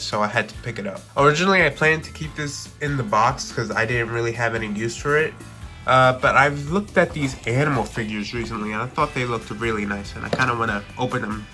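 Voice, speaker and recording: A man's voice: medium pitch, pushed and bright. A man with a stuffy, congested voice from a cold, chatting casually through a toy unboxing review with lots of filler words.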